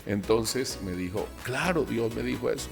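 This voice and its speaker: A man, a pastor from Colombia, recounting a personal testimony and acting out the dialogue in an animated way. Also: mid-range voice, moderate pace, creaky, long reverb tail, over music.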